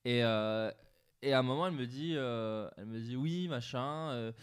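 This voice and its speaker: A man's voice: medium pitch, moderate pace, clean tone. A man telling a funny personal anecdote to friends around a table, with lots of fillers and laughs. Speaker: podcast co-host. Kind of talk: casual storytelling chat.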